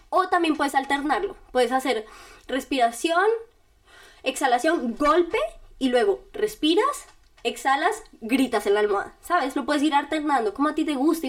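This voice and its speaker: A woman podcast host giving casual step-by-step self-help directions, speaking straight to the listener in a chatty, informal way. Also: a little high. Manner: chatty and informal, with little laughs.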